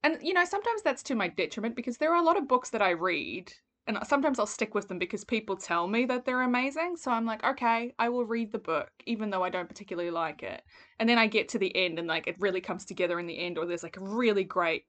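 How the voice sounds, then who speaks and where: A woman's voice: mid-range voice, expressive, fast, few pauses, a bit bright. A woman co-hosting a casual book podcast, talking informally with a wry, self-dramatising manner. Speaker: podcast co-host.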